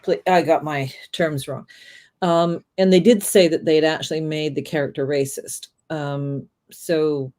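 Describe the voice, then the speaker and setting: A woman co-hosting a review podcast rambles casually, using many fillers as she hunts for words. Her voice is deep and mellow, with fairly even intonation and an unhurried pace.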